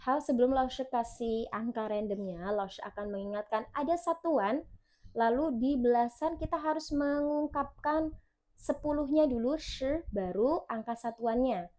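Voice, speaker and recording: A woman teaching a beginner Mandarin lesson, repeating each number twice in a patient, clear way. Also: sits high, moderate pace, dark tone. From Indonesia.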